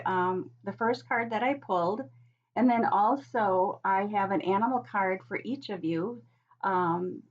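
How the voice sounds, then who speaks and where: A slightly muffled, lo-fi recording of a woman with a mid-pitched voice. She speaks as an oracle card reader giving a casual reading. Her manner is reflective and spiritual, offering guidance in phrases that sometimes draw out. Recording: dull, lo-fi audio.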